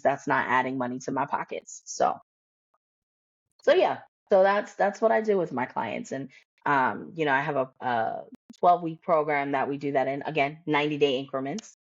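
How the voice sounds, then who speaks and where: A woman's voice: deep voice, no echo, lo-fi sound. A woman from the United States, a career coach and podcast guest, talking boldly and bluntly in casual conversation and laughing often.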